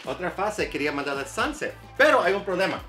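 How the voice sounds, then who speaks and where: Excited man in an echoey room. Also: high-pitched, brisk, soft background music. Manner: excited, mixes English fillers into Spanish. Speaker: reptile breeder and YouTuber. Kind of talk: casual vlog talk to camera.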